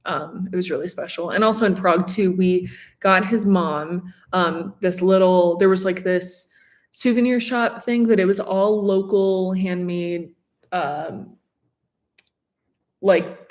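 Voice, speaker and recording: A woman in her twenties from Colorado chatting casually on a livestream with her partner, reading and answering viewer questions. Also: lowish voice. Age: 20s. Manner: chatty, fillers and restarts, reads viewer comments. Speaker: vlogger co-host.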